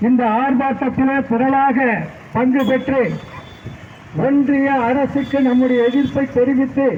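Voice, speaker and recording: A man addressing a street protest as a party speaker, delivering a political speech in slow, measured oratory. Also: very high-pitched. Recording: dull lo-fi recording with faint street noise.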